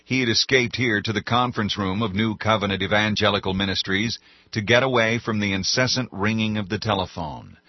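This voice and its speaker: A man narrating an audiobook in a measured, even reading. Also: on the low side, no room sound. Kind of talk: scripted narration. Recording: dull, dry studio sound.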